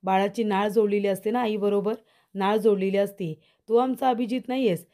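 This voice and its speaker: A woman voicing a frightened older mother who insists in repeated denials that a man is not her son, in a mellow low-key tone. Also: fairly even intonation, normal speed, close to an everyday voice. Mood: agitated.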